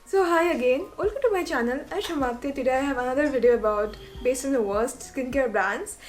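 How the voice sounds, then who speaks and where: A woman's voice: high voice, a little fast, faint music behind. A young woman with an Indian English accent, chatting casually to camera as a skincare vlogger and laughing between points.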